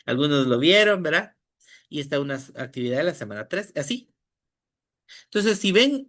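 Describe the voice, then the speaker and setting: A man's voice: fairly high pitch, fairly bright tone. A man teaching an online class, explaining material step by step and often checking in with his listeners. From Guatemala. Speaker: teacher leading an online training session.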